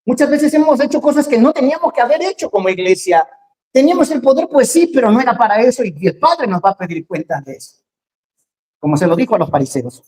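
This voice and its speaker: A woman preaching a sermon in a lively, joking way, acting out the voices she quotes. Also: fairly high pitch, quick pace.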